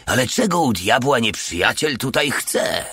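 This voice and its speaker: A man's voice: medium pitch, big pitch swings, moderate pace, bright, forceful tone, husky, no echo, voice pushed up, full character voice. A man voicing a meek, sleepy German major woken in his pajamas. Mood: flustered. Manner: mumbling, meek.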